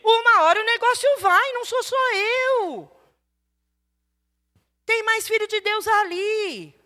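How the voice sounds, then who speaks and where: A woman preaching in Brazilian Portuguese, with a very high, bright voice. She tells her stories with lively energy and acts out every line of dialogue. Her voice rings with the long reverb of a church hall. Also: slow. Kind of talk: teaching sermon.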